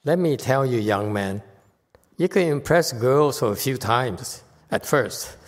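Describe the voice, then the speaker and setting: A man's voice: mid-range voice, animated, unhurried, in a large hall. A man teaching a Buddhist class, teasing and blunt with his students and laughing often. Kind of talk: Dharma class teaching with banter.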